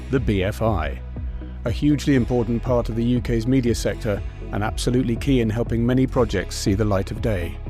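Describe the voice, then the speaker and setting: Male announcer, mellow tone, scripted intro, faint music behind. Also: mid-range voice. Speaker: podcast announcer.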